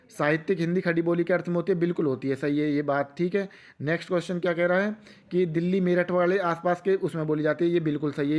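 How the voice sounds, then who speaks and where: A man teaching an exam-prep lesson with a western Uttar Pradesh accent, asking quiz questions and answering them himself, repeating each answer for emphasis. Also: on the high side. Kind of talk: rapid quiz-style lecture.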